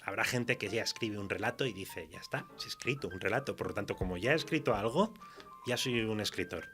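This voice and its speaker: A writer with a Spanish accent is interviewed in a casual literary chat, telling anecdotes colloquially with some mild swearing and laughing as he talks. His voice is lowish, fairly bright and expressive, and he speaks briskly. Soft music plays in the background.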